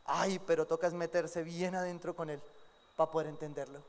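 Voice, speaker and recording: A man preaching a sermon as pastor, lively and joking as he acts out members of his church. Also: fairly high pitch, a little fast. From Colombia. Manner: lively, acts out quoted congregants with humor. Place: church sanctuary. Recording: long church hall reverb.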